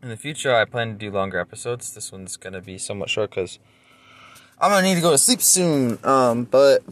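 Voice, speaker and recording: A man's voice: mid-range voice, lively intonation, a little fast. A young man in his twenties with a noticeably nasal voice, talking alone into a home mic. He rambles casually, pads his talk with fillers and pokes fun at himself. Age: 20s. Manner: rambling, self-deprecating, full of fillers. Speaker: podcast host. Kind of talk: casual solo monologue.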